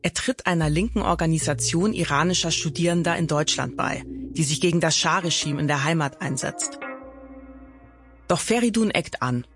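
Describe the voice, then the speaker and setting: A woman hosting a podcast, narrating a documentary story in a calm, measured way. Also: sits low, faint music behind.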